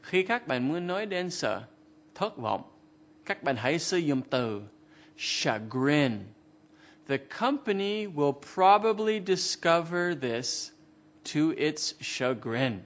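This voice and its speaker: A man's voice: fairly high pitch, sing-song, slow. A man explaining English word meanings in a TV lesson, carefully reading example sentences and their translations. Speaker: English vocabulary teacher.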